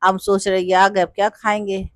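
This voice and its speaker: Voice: mid-range voice, little pitch movement, normal speed, a bit bright, no echo, close to an everyday voice. A timid young daughter-in-law in a devotional folk tale speaks apologetically and worriedly, voiced by a storyteller. The sound is close and dry.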